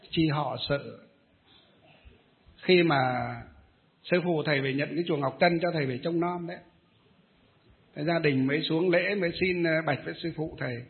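A male Buddhist monk giving a dharma talk and telling a story with many hesitant fillers. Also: fairly high pitch. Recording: tinny phone-like sound.

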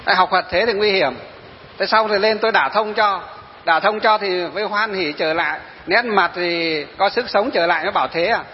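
A man's voice: high-pitched, normal speed, slight background noise. A man, a Buddhist monk, giving a dharma talk, telling stories of his followers and asking rhetorical questions. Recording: dull lo-fi hall recording.

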